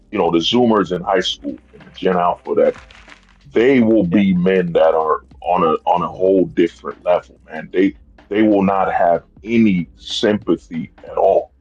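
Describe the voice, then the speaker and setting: Low and breathy-edged, this streamer in his thirties rambles through a casual rant, frequently tossing in "bro" and "you know what I'm saying." The recording quality is low.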